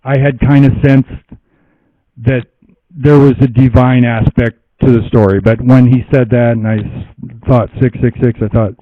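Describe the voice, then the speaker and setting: A man's voice: medium pitch, fairly even intonation, normal speed, no room sound. A man rambles through a personal story as an interview guest, laughing often and wandering between asides. His voice sits in a middle range. The audio is dry and dull, like lo-fi internet radio. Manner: meandering, laughs often, lots of fillers.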